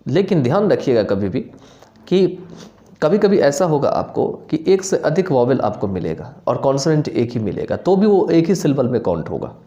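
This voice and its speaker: A male teacher with a mellow, warm voice at an ordinary middle pitch. He reads definitions out slowly and then goes over them again in simpler terms, often pausing to check that his students are following. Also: big pitch swings, lo-fi sound. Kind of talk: Hindi lecture on English phonetics, mixing Hindi and English.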